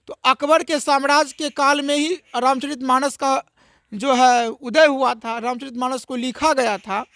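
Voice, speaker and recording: Probing interviewer with a high voice. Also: fairly bright tone, no echo. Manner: long, probing questions with hesitations. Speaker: interviewer, news reporter. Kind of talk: interview questions.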